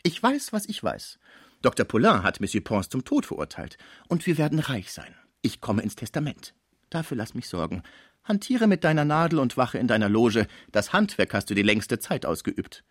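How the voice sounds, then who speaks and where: A man's voice: very animated, moderate pace, no room sound, studio quality. A man reading a novel aloud, voicing a scheming, melodramatic middle-aged female concierge. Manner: shrill, wheedling and melodramatic. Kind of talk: audiobook character voice.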